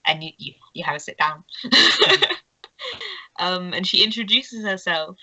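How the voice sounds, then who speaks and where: A woman's voice: on the low side, unhurried, pushed and bright. A woman narrating a tabletop game as game master, casual and giggly.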